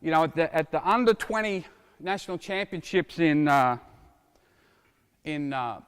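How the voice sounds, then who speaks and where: A middle-aged coach talks with a high, carrying voice as he runs a basketball drill. His speech is energetic and direct, with quick calls to the players and explanations for the watching coaches. The sound rings with the long reverb of a big gym. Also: clean tone. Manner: energetic, shouts drill instructions. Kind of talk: coaching clinic demonstration. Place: indoor basketball court.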